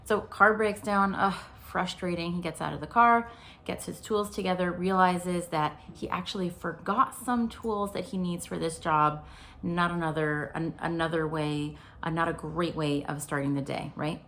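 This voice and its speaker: Gravelly-voiced woman telling a story. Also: lowish voice, fairly even intonation, normal speed, a bit bright, slight background noise. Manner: friendly, conversational storyteller. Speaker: therapist. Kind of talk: storytelling explanation for viewers.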